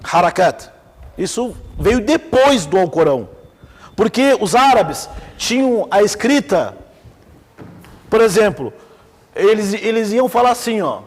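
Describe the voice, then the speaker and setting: Long pauses mark this man's measured delivery; his voice is high and echoes with a big-room sound. Speaking with a Brazilian Portuguese accent, he lectures informally on Islamic theology, telling energetic stories and questioning his class.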